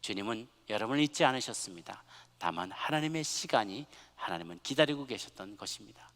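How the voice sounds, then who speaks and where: A male pastor giving a sermon, moving between relaxed personal storytelling and fervent, emphatic preaching to his congregation. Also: fairly low pitch, brisk. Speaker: senior pastor. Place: large church sanctuary. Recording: long hall reverb.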